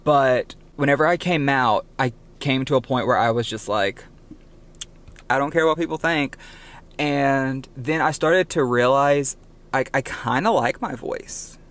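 A man's voice: medium pitch, measured pace, a bit bright. A young man co-hosting a casual podcast, telling stories and correcting himself as he goes, into a budget microphone. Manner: chatty, self-correcting storyteller. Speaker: podcast co-host. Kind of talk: casual chat.

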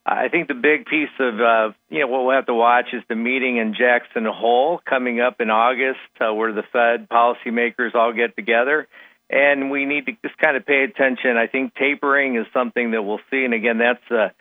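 A man's voice: mid-range voice, fairly even intonation, fairly quick, no room sound. Phone-line man giving market commentary. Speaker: financial market analyst guest on a radio show. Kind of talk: market commentary, conversational radio talk. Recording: tinny, narrow phone-like line.

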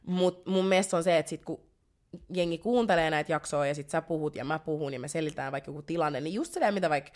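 A young woman co-hosting a casual podcast, chatting and slipping into English phrases as she retells stories. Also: low voice. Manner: mixes Finnish with English phrases, animated quoting. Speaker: podcast co-host.

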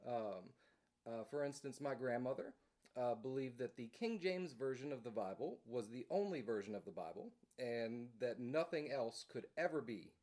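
An easygoing male host chats in a relaxed, agreeable way and often drops in short agreements. His pitch moves freely and sounds animated. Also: moderate pace. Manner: easygoing, agreeable, frequent backchannel. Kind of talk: casual conversation.

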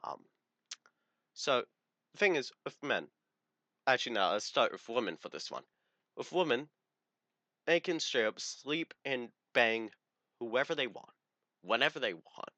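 A man's voice: mid-range voice, expressive, measured pace, pauses often, sharp tone, no echo. A young man co-hosting a casual chat show, brash and crude, laughing often as he tells stories. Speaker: podcast co-host.

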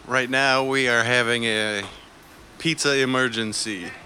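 Slow, dry-talking man guesting on a podcast. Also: mid-range voice, steady tone, bright, forceful tone, a little hiss or hum. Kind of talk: casual chat.

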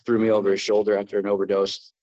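An American man from New Jersey giving a plainspoken, halting personal testimony in front of an audience at a recovery meeting. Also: lowish voice, completely flat delivery, dark tone, lo-fi sound. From New Jersey, United States. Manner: addressing a live group, plainspoken, halting.

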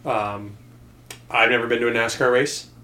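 A man hosting a relaxed podcast conversation, playful and always ready with a teasing jab. His voice sits at an ordinary mid-range pitch, and he lets the talk wander freely. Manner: playful, quick to tease and riff on guests. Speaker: podcast host. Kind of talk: casual chat.

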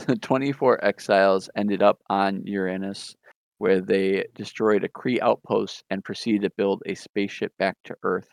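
A man with a low, gravelly voice walks through comic lore in an easygoing, rambling way, filling pauses with ums. The sound is dry and close, with no room around it. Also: dry recording. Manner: relaxed retelling with frequent ums and chuckles. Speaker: podcast host. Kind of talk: casual comic book recap.

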